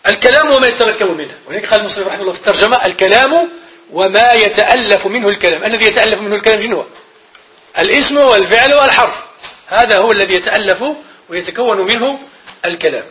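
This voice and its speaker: A man giving a classroom grammar lecture, repeating each definition slowly and checking that students follow. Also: high voice, sharp tone. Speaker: grammar teacher.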